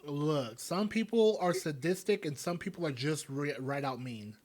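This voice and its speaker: A man's voice: a little high, expressive, moderate pace, darkish tone. A man co-hosting a podcast in casual chat, joking and trailing off into fillers. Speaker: podcast co-host.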